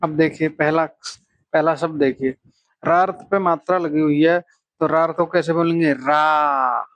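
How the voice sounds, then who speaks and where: Slow, patient male phonics teacher. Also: fairly high pitch, fairly even intonation, a bit bright, dry recording. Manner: slow, drawn-out syllables, coaxing children to repeat aloud. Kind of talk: children's Hindi phonics lesson.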